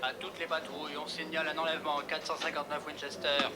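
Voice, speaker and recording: A man voicing a police dispatcher whose call comes over a police radio as a flat, brisk announcement. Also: a little high. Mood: announcing. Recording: distant radio with loud noise.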